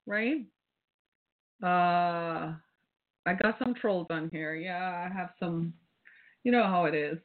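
Her voice sits on the low side as she takes things slowly, pausing often. The Caribbean-accented podcast host preaches rhetorically in her casual solo commentary, tacking "right?" onto her points over narrow, phone-like audio.

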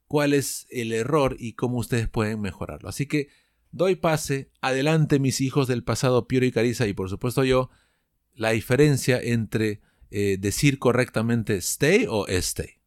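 A man's voice: medium pitch, no room sound, clean studio sound. A man teaching an English lesson, explaining patiently and drawing out pronunciation examples. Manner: explanatory, drawn-out demonstrations of pronunciation. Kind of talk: online language lesson.

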